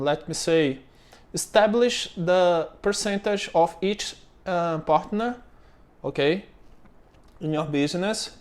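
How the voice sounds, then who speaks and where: Speaking unhurried English with a clear Brazilian Portuguese accent, a former business owner with a fairly high, slightly mellow voice explains business steps in an informal video to camera. He is halting, searches for words, uses frequent fillers, and keeps checking in with "okay?".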